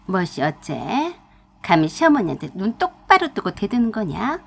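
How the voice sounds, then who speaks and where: A woman's voice: medium pitch, big pitch swings, normal speed, vocal fry, slightly rough, exaggerated voice. A woman voicing a domineering elderly mother-in-law who scolds and talks down to her daughter-in-law in a storytelling narration. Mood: indignant.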